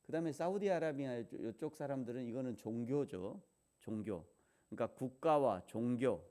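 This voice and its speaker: A man, a pastor, delivers a morning devotional sermon at a middle pitch. His delivery is conversational, with many pauses and fillers, and he keeps asking his listeners questions. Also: animated, mellow. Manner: conversational preaching with frequent fillers and rhetorical questions.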